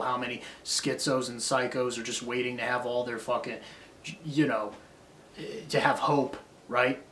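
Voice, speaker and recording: A man's voice: medium pitch, fairly bright tone. A man delivering a rambling, profane, self-critical monologue, drifting between grudges and philosophy. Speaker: vlogger. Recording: roomy echo.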